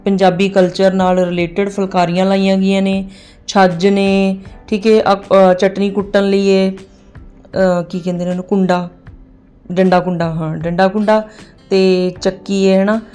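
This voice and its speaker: A woman, vlogging casually and chatting in a lively, teasing way. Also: medium pitch, a little slow, clean tone, faint music behind. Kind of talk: casual vlog chat. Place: car, then outdoors at a village festival.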